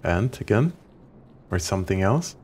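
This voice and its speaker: A man with a Ukrainian accent giving relaxed, casual commentary while streaming a game, swearing offhandedly. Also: sits low, moderate pace, a little hiss or hum.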